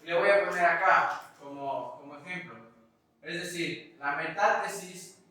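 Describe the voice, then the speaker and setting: Ecuadorian teacher lecturing in an echoey room. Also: male voice, sits high, measured pace, sharp tone, recorded from a distance. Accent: Ecuadorian highland Spanish. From Ecuadorian highlands. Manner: explains step by step, often checking with "¿sí?". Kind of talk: recorded class lecture.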